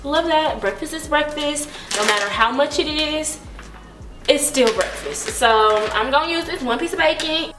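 A woman's voice: high-pitched, normal speed, roomy sound, over music. A young Texan woman vlogging in her kitchen, chatty and casual, swearing freely and saying y'all. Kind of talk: casual vlog chat. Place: home kitchen.

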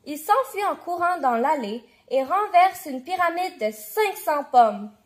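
A woman reading a children's bedtime story aloud. Her voice sits very high, and her reading is clear and lively. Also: a little slow. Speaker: storybook reader.

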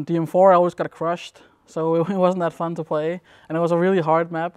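A young man from Denmark talks through interview answers at an easy, wandering pace, full of little fillers. His voice is smooth and clear, a bit high for a man, and flat in its melody. The sound is dry and close. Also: dry recording. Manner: relaxed, rambling with many fillers. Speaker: interviewee, competitive gamer. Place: dim indoor room at a gaming event.

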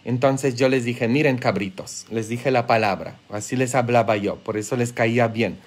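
A priest giving a live-streamed homily, colloquial and joking, firing rhetorical questions and swinging between loud high exclamations and hushed low asides. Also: male voice, steady tone, moderate pace.

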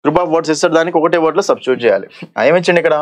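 Lively man teaching exam English. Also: fairly high pitch. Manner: explains in Telugu mixed with English terms, often asks "okay?"; reads English question text slowly and deliberately. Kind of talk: exam-prep lesson.

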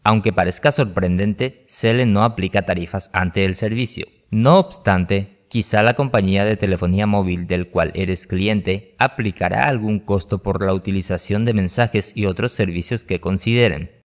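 A man narrating a scripted explainer video, reading in an even, steady way without slips. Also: on the low side, moderate pace, few pauses. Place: voice-over over whiteboard animation and stock footage.

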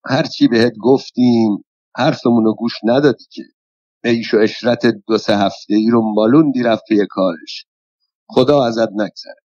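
A man voicing a jovial male engineer friend who teases in quick, bantering speech. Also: mid-range voice, darkish tone, no echo, close to an everyday voice. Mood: teasing. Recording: dull, lo-fi dry recording.

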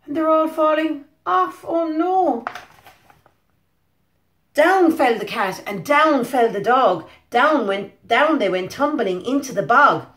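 An Irish woman in her thirties reads a children's story expressively as a preschool storyteller, adding simple questions for young listeners. Her voice is high, slow and a bit bright, recorded indoors in an echoey living room on a phone or webcam at roughly arm's length.

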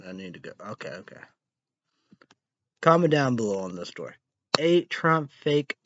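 A medium-pitched man in his thirties runs a rambling one-man vlog, stumbling through weather and news headlines while spelling out words, repeating himself and abruptly shouting. The setting is a small, dim indoor room. His webcam or laptop mic, about arm's length away, yields dull, lo-fi audio.

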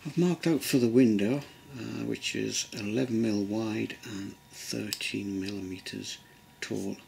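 A middle-aged English man giving a relaxed modelling tutorial at his workbench, thinking aloud with many pauses and ums. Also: on the low side, gravelly, slight background noise. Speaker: model railway builder. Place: workbench at home.

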